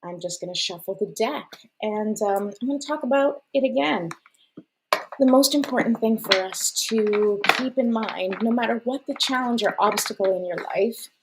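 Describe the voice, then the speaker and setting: A woman originally speaking Portuguese reads oracle cards during a casual live stream, gushing and chatty, with many fillers and light laughs. Her voice is medium in pitch, and the recording is very noisy.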